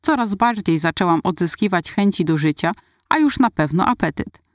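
A woman narrating her own memoir in the first person, in a measured, reflective way. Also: fairly low pitch, lively intonation, dry recording, studio quality.

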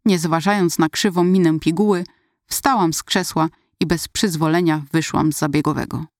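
Woman reading her memoir out loud, lowish voice, steady, dry close sound. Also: moderate pace, no echo. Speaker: narrator. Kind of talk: first-person memoir narration.

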